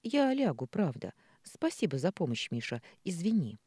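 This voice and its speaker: A reader voicing a withdrawn, apologetic woman who answers briefly and softly, in a read-aloud story. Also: mid-range voice, big pitch swings, normal speed, breathy edge, no echo, clean studio sound. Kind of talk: audiobook character voicing.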